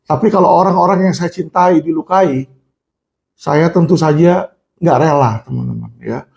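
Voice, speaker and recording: A man's voice: fairly high pitch, normal speed, creaky. A man speaking out to viewers in an impassioned monologue, emphatic, often addressing them as friends and acting out the people he quotes. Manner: emphatic, repeats "teman-teman" and "ya", acts out quoted people in raised shouts.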